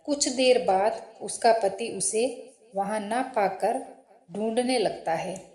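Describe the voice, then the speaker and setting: Slow, mellow woman narrating a tale. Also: a little high. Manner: measured, storybook telling. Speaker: storyteller. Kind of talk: scripted devotional narration. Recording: roomy echo.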